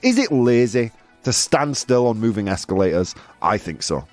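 A man with a mid-range voice hosts a casual live talk show at a normal speed, with soft music in the background. He reacts to listener comments in an animated, jokey, incredulous way and keeps throwing in "dude."

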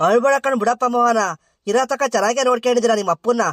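A man's voice: very high voice, fairly even intonation, racing, fairly bright tone, no echo, clean studio sound. A man voicing an older village man in a cartoon, soothing and plain-spoken. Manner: soothing, plain rural talk. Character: elderly village man, consoling mourners.

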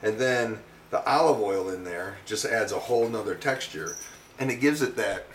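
Hosting a home cooking demonstration, a middle-aged man speaks at a moderate pace in a lowish voice. His casual talk wanders into wry, self-deprecating asides, and the distant mic picks up roomy echo and slight background noise.

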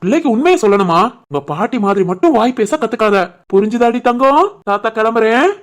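A woman voicing a doting, joking grandfather in an animated family story, with a southern Tamil accent from the Tirunelveli area and a teasing, affectionate manner. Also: a little high, fairly quick, a little hiss or hum, lightly acted. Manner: teasing, warm, jokey.

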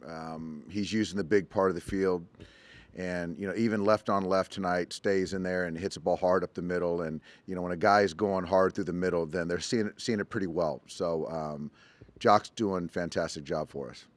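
A middle-aged man, a baseball manager, answering postgame press conference questions in a measured, halting way with many ums, at a table mic. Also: deep voice, steady tone, no room sound. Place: press conference room, indoors. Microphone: table mic in front.

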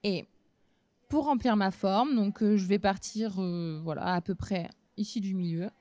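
A woman in her thirties giving a relaxed craft demonstration at a fair booth, talking casually with frequent hesitations. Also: mid-range voice, a little slow, dry recording. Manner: relaxed, chatty, many hesitant fillers. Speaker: craft instructor. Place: small trade-fair stage booth.

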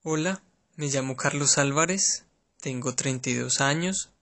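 A man with a Colombian Spanish accent giving a clear, steady scripted self-introduction for a language lesson. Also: medium pitch, a little slow.

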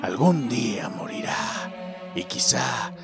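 A man voicing a mysterious, solemn stranger in a video game, reading the lines slowly and gravely, sometimes in a whisper. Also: medium pitch, very animated, music in the background, exaggerated voice. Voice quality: slow, hushed, grave. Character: mysterious solemn stranger telling dark lore. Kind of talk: reading game dialogue aloud.

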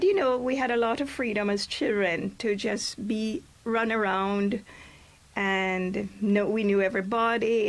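A woman's voice: a little high, creaky. Older Jamaican woman reminiscing. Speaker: guest poet. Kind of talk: radio interview. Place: small radio studio, indoors. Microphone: studio microphone on a boom arm.

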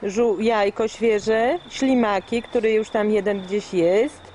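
A woman's voice: mid-range voice, steady tone, measured pace, a little mellow, slight background noise. Woman chatting on an old VHS home video. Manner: chatty, explaining to the children. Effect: old VHS home video recording. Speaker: mother filming family at home. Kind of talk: casual family chat. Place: home, near a lizard tank. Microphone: camcorder microphone.

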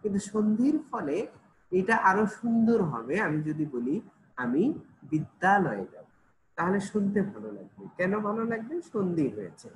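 A man's voice: sits high, expressive, a little hiss or hum, low-quality recording. A man with a Bangladeshi Bengali accent teaching an online grammar class, explaining step by step and often checking that students follow. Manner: explains slowly, repeats and checks with "ঠিক আছে?".

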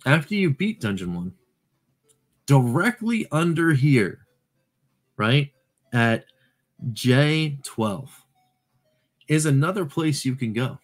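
A man's voice: medium pitch, very animated, slow pace, long pauses. A man hosting a retro game channel, talking casually over his gameplay, rambling and correcting himself with playful asides.

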